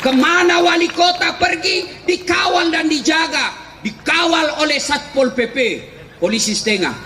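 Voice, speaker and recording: A middle-aged man preaching a comic sermon, animated, often shouting and laughing through his punchlines. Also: very high-pitched, normal speed. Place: large hall with a live audience. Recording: echoey hall, faint crowd and noise.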